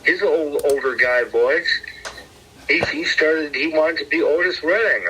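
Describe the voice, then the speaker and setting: A man co-hosting a podcast, talking in an animated, rambling way and laughing often. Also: a little high, measured pace, a little hiss or hum, low-quality recording. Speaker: podcast co-host. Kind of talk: casual chat.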